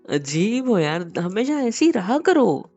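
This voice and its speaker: A man's voice: on the high side, normal speed, gravelly, a little mellow, dull audio, faint music behind. A man playing an affectionate young husband who soothes and teases his wife in an intimate romantic audio drama. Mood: playful. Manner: tender, teasing and coaxing.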